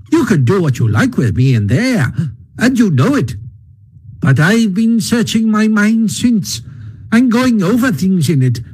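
A man voicing a boastful, impulsive male toad, speaking high and gushing with sharp emphasis in a storybook reading. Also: breathy edge, heavily acted, poor audio. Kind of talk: audiobook reading.

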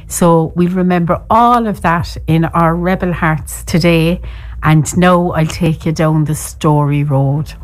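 A middle-aged woman with a Cork Irish accent, telling stories in a lilting, unhurried storyteller's way with chatty asides. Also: deep voice, fairly even intonation. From Cork, Ireland. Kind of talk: oral storytelling with chatty introduction.

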